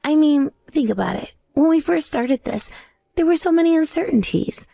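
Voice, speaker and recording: Actress as creaky, high-voiced grateful accomplice. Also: female voice, expressive, moderate pace, dark tone, no echo. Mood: grateful, elated. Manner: effusive, modest. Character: grateful, gushing female accomplice in revenge. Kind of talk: dramatized story dialogue.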